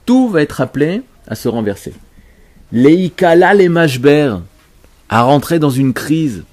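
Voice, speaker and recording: A man's voice: fairly high pitch, big pitch swings, unhurried, a little mellow. A man teaching a religious lesson to a class, speaking emphatically, explaining as he goes and often repeating himself or restarting his phrases. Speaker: Torah teacher.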